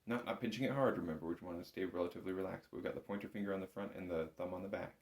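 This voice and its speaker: A bagpipe instructor walks a student through a music lesson step by step, informal, patient, and encouraging. His voice sits low and he speaks very fast, with roomy, echoing acoustics around him.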